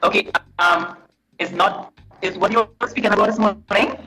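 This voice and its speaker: A man's voice: high-pitched, normal speed, sharp tone, faint music behind. A man calling in to a live show, talking hesitantly with fillers, his voice coming through a glitchy phone line that keeps breaking up. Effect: glitchy phone call that keeps breaking up. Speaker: caller. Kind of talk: live call-in chat. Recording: distant, broken-up phone line.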